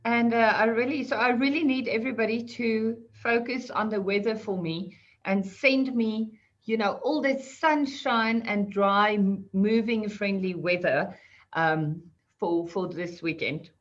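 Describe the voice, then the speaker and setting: Over a video call, a woman serves as an attorney panelist in an online discussion, chatty and self-deprecating as she explains points at length. Her voice is medium-pitched and a little slow, with lo-fi sound.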